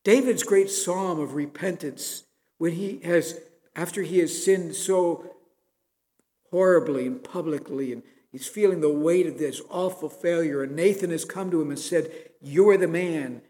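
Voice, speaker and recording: A man delivering a sermon from the pulpit, earnest and storytelling, swelling into emphatic pleas. His voice sits a little high for a man. The sound rings with the long reverb of a big church sanctuary. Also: unhurried, mellow. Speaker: pastor.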